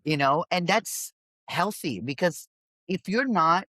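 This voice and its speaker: A woman's voice: on the low side, slow pace, no room sound. Emphatic woman host, very dry sound. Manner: emphatic, animated, restarts mid-sentence. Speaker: podcast host and bodybuilding coach. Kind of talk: casual podcast conversation.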